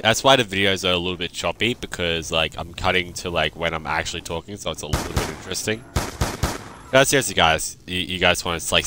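A man's voice: deep voice, bright, forceful tone, a little hiss or hum. A young man, chatting and rambling freely through casual gameplay commentary, swearing now and then. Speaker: gaming youtuber.

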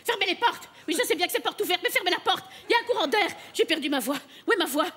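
A woman's voice: very high voice, lively intonation, fast talker, a bit bright. A woman playing a tired, flustered female opera diva who stammers and breaks into song in a stage sketch.

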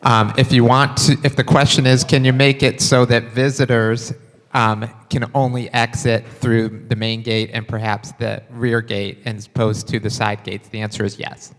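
A man's voice: mid-range voice, level tone, normal speed, a bit bright. A man answering board questions precisely on a handheld microphone. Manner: clear, precise explanations. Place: large meeting room. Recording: long reverb.

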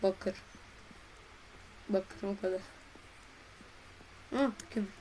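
A woman giving casual commentary while playing a game, chatty and excitable, talking to her viewers in a playful, slangy way. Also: medium pitch, very slow, a little hiss or hum, poor audio. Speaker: gaming video creator.

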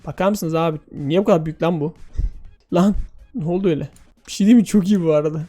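A man casually commentating a game for his viewers, excitable and often exclaiming and laughing. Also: fairly high pitch, quick pace. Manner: addresses viewers directly. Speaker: gaming video host.

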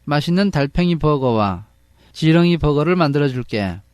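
A fretful storybook mother, read by a man in a lively, higher voice. Each line comes slowly and carefully, then again in translation. The sound is dry and close. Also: dry recording, lightly acted. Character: fretful mother duck-hunter turned bird.

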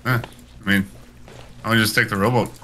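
Bright-voiced joking man gaming. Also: on the low side, steady tone, slight background noise. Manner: jokey, quick asides, laughs often. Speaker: livestream gamer. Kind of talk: casual gameplay chat.

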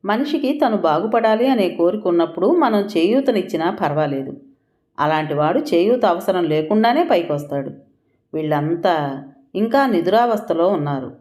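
An older village landlord speaks slowly and thoughtfully, giving calm advice in a low, deep voice, as a woman narrator reads his lines. His manner is measured and lecturing, never hurried, like a story read aloud. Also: natural voice. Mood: reflective. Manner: unhurried, reflective lecturing.

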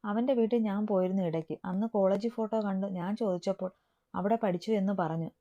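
A woman's voice: medium pitch, brisk, mellow, close to an everyday voice. A woman voicing a stern, protective young man who is an older brother, in a dull lo-fi recording. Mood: calm. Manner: stern, raises voice in anger.

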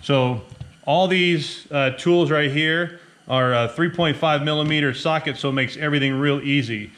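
A middle-aged American man, a hobby radio operator, narrates a casual hands-on how-to at an indoor table. His voice is fairly high and a bit bright at a normal speed, with clear room noise in the background.

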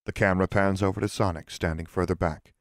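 A man narrating the scene directions of an audio drama in a plain, measured reading. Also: low-pitched, steady tone, dry recording, studio quality. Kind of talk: scripted narration of stage directions.

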